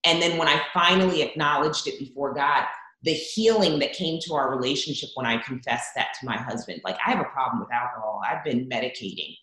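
A woman's voice: rumbling low, expressive, brisk, a bit bright. A woman born in Zambia, a guest giving an earnest, open faith testimony with frequent restarts. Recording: roomy echo.

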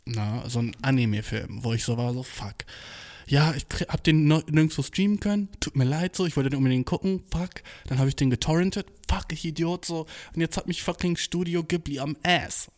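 A man's voice: fairly high pitch, fairly quick, a little mellow. A young man doing a casual solo podcast, talking in heavy slang laced with English swearing, recorded on a cheap smartphone in a makeshift home studio. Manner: slangy, full of English swearing, "Bro" and "Dude".

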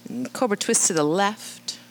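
A woman leading a live yoga class, calmly cueing breath and movement and often checking in with "right?". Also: medium pitch, normal speed, slight background noise. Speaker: yoga instructor.

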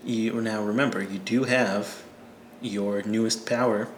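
A man's voice: on the low side, steady tone, measured pace. A man narrating as game master in a casual, joking way. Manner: casual, laughing, loose and joking. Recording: echoey room with faint ambient noise.

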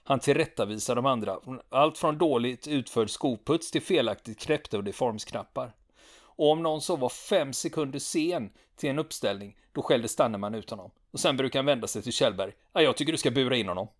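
Man telling a true story casually. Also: mid-range voice. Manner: relaxed, with frequent fillers and restarts. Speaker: podcast storyteller. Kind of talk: conversational storytelling.

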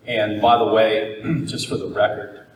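Folksy keynote speaker from Florida, joking storyteller; boomy hall, distant mic. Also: male voice, level tone, measured pace, a little hiss or hum. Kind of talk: motivational keynote speech. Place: conference hall. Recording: echoey hall, mic far off.

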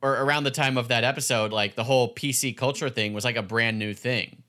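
A man co-hosting a podcast, recapping a show casually in halting phrases full of "like". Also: medium pitch, fairly even intonation, sharp tone. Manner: halting, filler-heavy phrasing with many "like"s. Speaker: podcast co-host.

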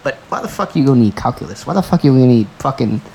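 Against a clearly noisy background, a podcast co-host with a medium-pitched, dark, expressive voice races through emphatic rambling. He swears freely while arguing his opinions with friends.

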